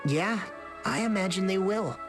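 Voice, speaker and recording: A man's voice: high voice, expressive, moderate pace, music in the background. A man voicing an earnest, reassuring young male companion in a video game, straightforward in his delivery. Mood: concerned, gentle.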